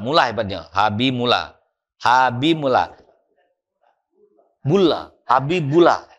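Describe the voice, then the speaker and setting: A man's voice: on the high side, bright, forceful tone. A man preaching at a mosque study session, quizzing his listeners and spelling words out letter by letter.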